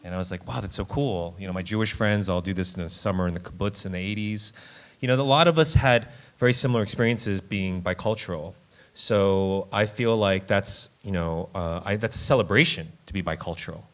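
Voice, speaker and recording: A man, a film director, answering audience questions in a relaxed, chatty way. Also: low-pitched, brisk. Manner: relaxed, chatty, thinks aloud. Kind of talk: casual festival Q&A answers. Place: film festival screening.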